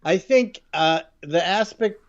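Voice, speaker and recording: High-pitched and animated yet slow, this man's voice comes through a muffled recording. He's a podcast co-host in casual chat, rambling along with plenty of fillers and restarts.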